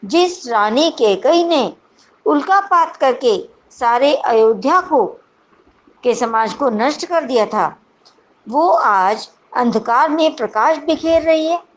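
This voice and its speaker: Woman, teacher, poetry lesson, slow, deliberate, reads verses then explains them. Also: high-pitched, lively intonation, poor audio.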